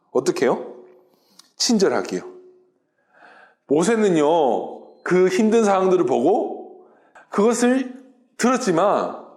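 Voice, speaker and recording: A man, a youth minister, giving a lively children's sermon and speaking directly to the kids as he tells the story. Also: sits high. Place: church room. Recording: roomy echo.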